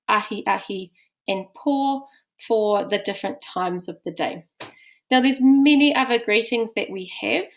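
Woman teaching with a New Zealand accent. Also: mid-range voice. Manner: patient, explaining step by step. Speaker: language teacher. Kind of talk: recorded course lesson.

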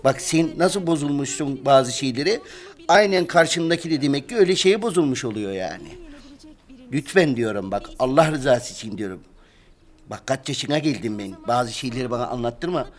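A man's voice: medium pitch, lively intonation, moderate pace, close to an everyday voice. An actor playing Erman, an exasperated middle-aged husband who pleads and grumbles at his wife, in a sitcom. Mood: pleading. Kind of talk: sitcom acting. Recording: audience laughter behind. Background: studio audience laughing.

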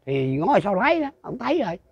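A man's voice: sits high, wildly swooping pitch, fast talker, a little mellow, breathy edge, highs cut off. An older man with a Southern Vietnamese accent telling a folk ghost story in a rambling, repetitive way, full of restarts. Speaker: storyteller interviewee.

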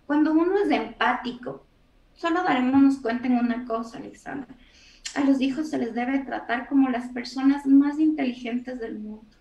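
A woman's voice: high-pitched, moderate pace, creaky, muffled recording. A woman psychologist, explaining patiently in an interview and acting out what parents say. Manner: warm, explanatory, acts out parent voices. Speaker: psychologist guest. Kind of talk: expert interview talk. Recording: echoey room, distant mic.

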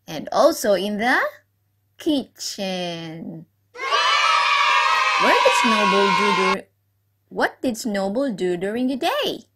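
A woman's voice: a little high, very noisy. A woman teacher telling a story to young children, asking the class questions, repeating key words and praising their answers. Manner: praising, encouraging.

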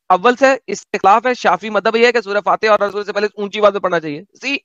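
High-voiced sarcastic man reading and commenting. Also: a bit bright, dry recording. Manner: sarcastic, mocking asides. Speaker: host. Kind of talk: reading aloud and commenting in casual chat. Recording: dull dry lo-fi audio.

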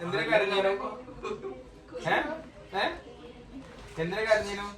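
A man's voice: sits high, little pitch movement, slow pace, a crowd in the background, low-quality recording. A young man with a Malappuram Malayalam accent, vlogging in casual chat from inside a moving car and teasing with lots of questions. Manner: chatty, teasing, keeps prodding with questions. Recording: loud car road noise.

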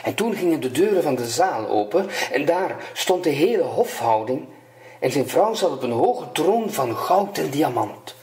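Senior male storyteller, slightly high voice, roomy echo. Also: sing-song, darkish tone. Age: older. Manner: slow, measured storytelling. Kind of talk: reading a fairy tale aloud.

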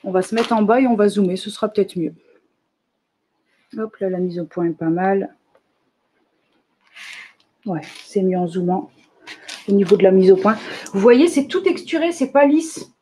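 A woman's voice: medium pitch, expressive, mellow, a little hiss or hum. Chatty woman demonstrating products live. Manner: chatty, enthusiastic, fills pauses with "hop" and "euh". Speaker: shop owner presenting new products.

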